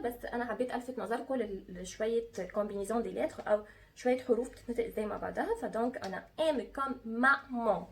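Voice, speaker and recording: A woman's voice: a little high, far from the mic. A woman with an Egyptian accent teaching a lesson, patiently spelling out letters and repeating each sound. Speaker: French teacher.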